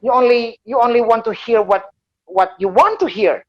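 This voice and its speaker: Woman preacher, animated, higher voice, slightly dull lo-fi recording. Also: normal speed. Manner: animated, switching between Indonesian and English. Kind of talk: sermon.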